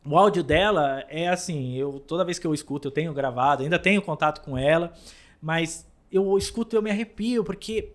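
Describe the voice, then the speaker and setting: Lively man telling a testimony. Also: a little fast. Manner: animated storytelling with sudden rises and drops in pitch and volume, repeating words. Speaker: guest. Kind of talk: personal faith testimony in conversation.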